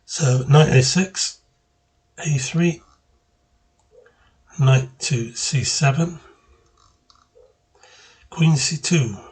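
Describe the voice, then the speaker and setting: A man casually talks through his own chess game move by move, thinking out loud and stopping partway through phrases. His voice sits slightly high and has a mellow quality.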